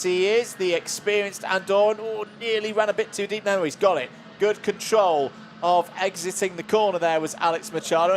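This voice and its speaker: A man giving live motorsport commentary from a trackside box, conversational and closely following the action. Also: high-pitched. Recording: clear background track and engine noise. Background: outdoor race track ambience with vehicles.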